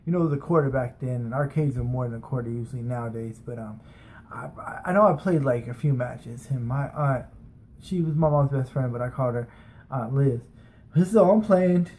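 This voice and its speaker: Like a vlogger in his bedroom, a man in his thirties from San Francisco and Las Vegas in the United States shares anecdotes in an informal, wandering manner. He talks a little fast in a medium-pitched, slightly mellow voice. The rough recording comes from a webcam or camera at desk distance in the small room.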